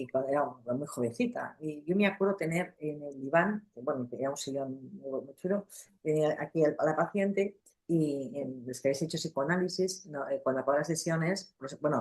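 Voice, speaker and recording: A middle-aged woman leads a psychotherapy class. Her voice sits a little low, and she talks in a loose, conversational way, restarting sentences and checking in with her listeners. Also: darkish tone. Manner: conversational, many fillers and restarts, acts out examples. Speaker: psychotherapy teacher. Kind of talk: lecture to a class.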